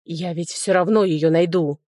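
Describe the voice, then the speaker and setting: A woman's voice: on the low side, fairly even intonation, moderate pace, mellow, no echo, clean studio sound, natural voice. A woman voicing a furious male duke and mage, barking orders in a commanding voice. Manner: commanding, demanding.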